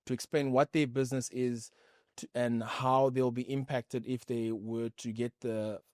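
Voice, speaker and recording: A man's voice: medium pitch, little pitch movement, unhurried, darkish tone, dry recording. A man from South Africa with a mid-range voice co-hosts, walking through an example step by step and doubling back on words now and then. The sound is dry and close. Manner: explains with examples, repeats words. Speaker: podcast co-host. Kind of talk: explanatory chat.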